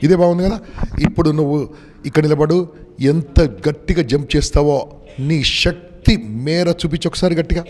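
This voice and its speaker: Brief: high-pitched male motivational speaker, commanding and rousing, long hall reverb. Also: steady tone, brisk, a little mellow. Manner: commanding, rousing, mixing English into Telugu. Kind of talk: motivational seminar talk to students.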